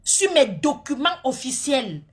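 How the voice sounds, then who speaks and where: A woman's voice: high-pitched, big pitch swings, measured pace. A woman, a social media comedian scolding her critics in a heated rant to viewers. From Cameroon.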